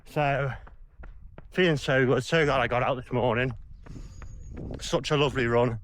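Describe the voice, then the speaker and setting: A man's voice: medium pitch, steady tone, unhurried, fairly bright tone. A man chatting casually to camera while running, speaking in short phrases with audible breath. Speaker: running vlogger. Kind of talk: casual vlog chat to camera. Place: outdoors on the move. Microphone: handheld camera while running.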